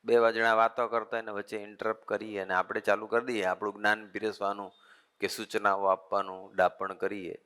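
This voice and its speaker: A monk delivers a conversational sermon in a folksy manner, restating his points as lists. His lowish voice is level, smooth, and sharp-toned, moving fairly quickly, with long reverb from the assembly hall.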